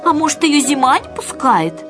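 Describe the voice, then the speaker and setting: A storybook fox musing aloud, as a woman puts her on, unsure and thinking things through. The voice is lifted above the narrator's own pitch, with soft music behind. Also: huge pitch swings, moderate pace. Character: sly musing fox, female.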